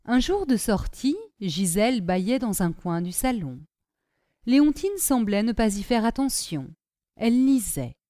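Woman, audiobook narrator, animated intonation, dry close recording. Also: on the high side, a little slow, dry recording. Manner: expressive storytelling.

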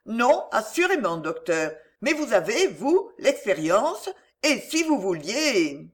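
Reader doing a distressed young girl, higher voice, pleading and anguished, storybook reading. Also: big pitch swings, takes it slowly.

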